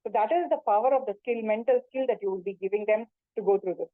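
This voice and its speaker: A woman with a mid-range voice speaks quickly in a dry recording, with tinny, phone-like call audio. She teaches yoga in a webinar talk and Q&A over a video call, speaking earnestly, repeating herself, and using many fillers and restarts.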